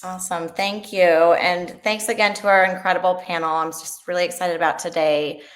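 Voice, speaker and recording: A registered dietitian and company founder in her forties speaks on a webinar panel in a lowish, a bit bright voice with fairly even intonation at normal speed. She comes across as earnest and enthusiastic, using fillers.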